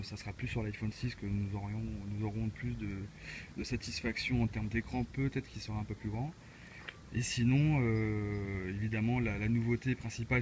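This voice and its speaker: A man who has a cold does a casual unboxing walkthrough as a tech reviewer, hesitant and full of filler sounds. His voice sits lowish, and there is noise in the background.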